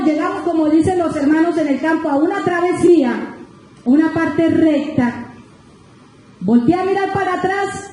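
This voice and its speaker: A very high-voiced woman with a Colombian Spanish accent preaches as a guest speaker, her tone soft and mellow. She tells her story in an animated way, calling the listeners brothers and sisters. The sound rings through a large, very echoey church hall. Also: a little hiss or hum. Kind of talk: sermon testimony.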